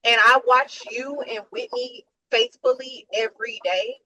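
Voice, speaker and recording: A woman's voice: on the high side, big pitch swings, unhurried, bright, forceful tone, dull audio. A woman, a nurse on a webinar call, venting frankly and emphatically about how tired she is. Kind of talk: casual venting on a video call.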